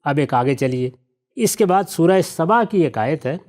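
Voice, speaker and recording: A male religious scholar with a fairly high voice that rises and falls in lively arcs. He lays out his points methodically, one worked example at a time, and slows right down to recite verses with care. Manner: recites scripture verses slowly and deliberately. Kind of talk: explanatory discussion answering questions.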